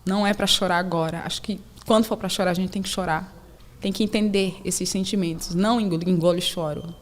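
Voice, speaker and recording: A young adult woman, a solo mother talking casually in a podcast interview and acting out her daughters' voices as she tells stories. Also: fast talker. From Brazil. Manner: animated storyteller, acts out her daughters in a high voice. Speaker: podcast host sharing her story.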